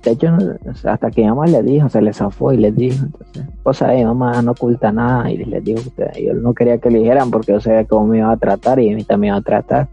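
Young Nicaraguan man, mellow voice, lively storyteller, faint music behind. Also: mid-range voice, fast, creaky, hardly any pauses, husky, dull audio. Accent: Nicaraguan Spanish. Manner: animated, acts out voices in his story. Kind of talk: casual storytelling.

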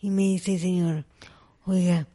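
A woman's voice: medium pitch, fairly quick. A middle-aged woman, telling personal stories as an interview guest and acting out the dialogue. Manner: animated storyteller, acts out dialogue. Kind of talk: personal storytelling in conversation.

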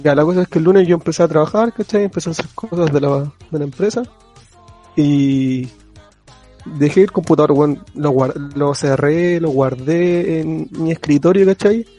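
A man's voice: on the high side, moderate pace, dark tone, soft background music. A young man with a Chilean accent telling a story in casual, slangy chat, often laughing as he talks.

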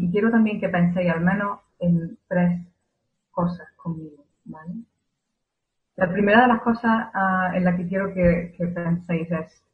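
A woman with a Spain Spanish accent preaches in a measured, reflective way, building her points through repeated rhetorical questions. The sound is thin and tinny, like it came through a phone line. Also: on the low side. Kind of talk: sermon.

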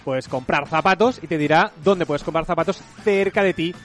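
A man's voice: a little high, moderate pace, over loud music. A man, co-hosting a podcast and explaining tech news in a loose, casual chat. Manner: explains news items at length, loose and chatty. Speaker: podcast co-host.

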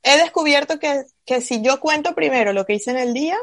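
A woman's voice: high-pitched, expressive, brisk, fairly bright tone, dry recording, clean studio sound. A woman chatting casually with other mothers, telling reflective stories and acting out her daughter's lines. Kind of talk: casual chat among mothers.

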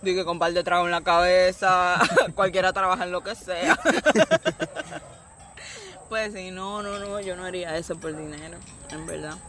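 A woman's voice: on the low side, fairly even intonation, moderate pace, fairly bright tone. A woman with a Dominican accent co-hosting a podcast in casual, playful, slangy banter. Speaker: podcast co-host.

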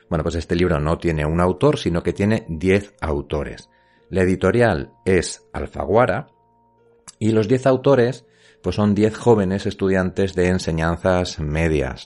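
Very deep-voiced Spanish man hosting a podcast. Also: a little mellow. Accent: Spanish from Spain. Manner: conversational, addresses the listener directly. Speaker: podcast host.

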